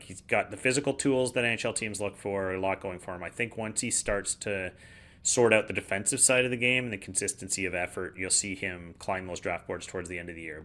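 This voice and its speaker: Bright-voiced hockey analyst. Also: male voice, sits low, brisk. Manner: explanatory, relaxed, plain-spoken. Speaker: podcast co-host, hockey analyst. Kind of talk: casual sports analysis.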